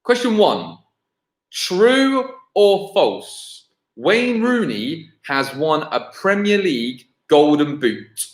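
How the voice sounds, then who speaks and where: A quiz host livestreams a football quiz from home, his slightly high voice carrying a sing-song quality. He repeats each question slowly and clearly and chats casually with viewers, and the sound is roomy and echoing.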